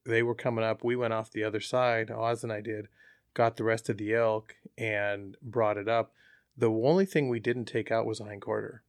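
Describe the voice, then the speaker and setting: A man telling a hunting story as an interview guest, relaxed and chatty with frequent fillers. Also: fairly low pitch, dry recording, studio quality. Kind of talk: casual storytelling.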